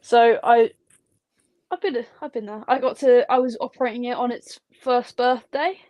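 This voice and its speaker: A woman's voice: a little high, normal speed, a little mellow, no echo. A woman theme park ride operator, chatting candidly as a guest in a studio interview. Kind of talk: casual interview chat.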